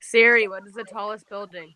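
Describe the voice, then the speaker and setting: Young woman, video-call guest, bright tone, blunt and playful. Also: medium pitch, steady tone, brisk, smooth. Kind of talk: casual group video chat.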